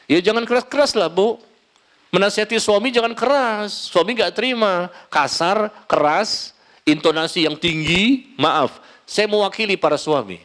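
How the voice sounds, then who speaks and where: Animated, fairly high-voiced male preacher. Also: normal speed. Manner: animated, emphatic, gently humorous, addresses the audience directly. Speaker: Islamic preacher. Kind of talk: sermon with question-and-answer session.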